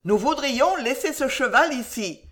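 Storyteller doing a huffy old gent, pitched up high, shouting out, outraged by everything. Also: expressive, unhurried. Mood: calling out. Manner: exclaiming, easily outraged.

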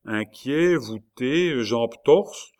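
A man's voice: mid-range voice, expressive, very slow, a little mellow, voice pushed up. Brief: man doing a bold young tulip grower, pleading and insistent, audiobook reading.

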